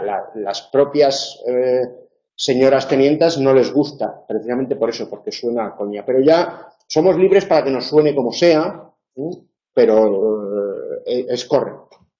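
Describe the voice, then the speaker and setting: A man's voice: mid-range voice, mellow. Chatty male lecturer, roomy dull recording. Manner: chatty, wry asides, many fillers and restarts. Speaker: university lecturer. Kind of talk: informal tutoring lecture.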